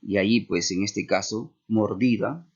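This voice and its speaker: A man's voice: fairly low pitch, measured pace, breathy edge. A man with a Peruvian accent teaching a language class, explaining step by step and checking in with his students. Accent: Peruvian Spanish. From Peru. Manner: explanatory, with many tag questions. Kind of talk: classroom lecture. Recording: dull lo-fi recording.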